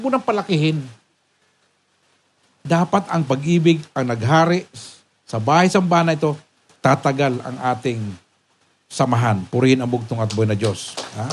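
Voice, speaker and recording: A man preaching a sermon as a pastor. He keeps asking "Ha?" to check on his listeners, climbs to emphatic peaks, and drops low and soft when he tells a story. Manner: preaching with frequent rhetorical "Ha?" checks.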